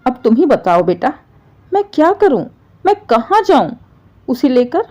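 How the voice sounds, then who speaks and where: A domineering older mother-in-law, shrill and scolding, her voice leaping up high in outrage, as a woman reads her. The tone underneath stays mellow, and the recording sounds slightly dull and lo-fi. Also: very animated, measured pace, heavily acted. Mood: tearful complaining. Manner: shrill, scolding, rises sharply.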